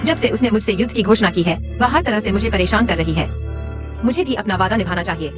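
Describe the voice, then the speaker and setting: A woman's voice: medium pitch, expressive, fast talker, natural voice. A woman dubbing a frustrated young office worker in a TV drama, bitter and defensive. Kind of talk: Hindi dub of a TV drama. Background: music.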